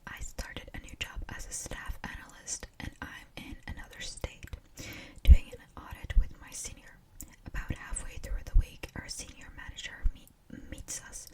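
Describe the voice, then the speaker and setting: Asmr lady whispering stories, super breathy, a little away from the mic. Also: recorded from a distance, rough recording. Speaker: ASMR storyteller and host. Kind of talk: whispered ASMR reading of scary stories, with casual asides.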